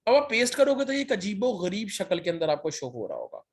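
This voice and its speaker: Man teaching software with a sore throat. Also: high-pitched, very animated, fairly quick, slightly rough. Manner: step-by-step, repeats "ठीक है" to check in. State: sore throat, occasional cough. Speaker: lecturer. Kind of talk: screen-share software tutorial.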